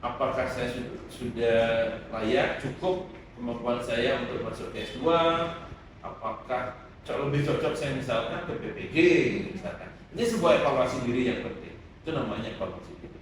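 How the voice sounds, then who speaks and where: A middle-aged man, a guest lecturer, giving calm advice to students in a podcast interview, with many hesitant fillers. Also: medium pitch, moderate pace. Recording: echoey room, far from the mic, noisy.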